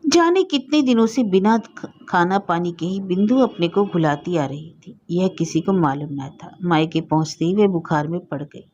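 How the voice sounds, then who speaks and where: Low-voiced woman narrating a story. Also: expressive, moderate pace, few pauses, a little mellow, highs cut off.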